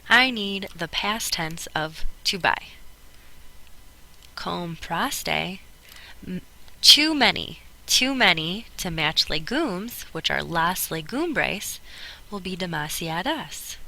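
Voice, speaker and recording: A woman with a bright, forceful tone and a fairly low pitch explains Spanish grammar to her class one sentence at a time. She is patient and methodical, slowing right down to spell out each example word. Now and then she drifts a little away from the mic. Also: lively intonation, gravelly, low-quality recording. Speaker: Spanish teacher.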